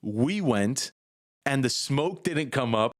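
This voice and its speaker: Animated man telling stories with swearing. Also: medium pitch, slow pace. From Cuban-American, Miami. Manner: animated storyteller, swears, does funny voices. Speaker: podcast co-host. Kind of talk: casual podcast chat.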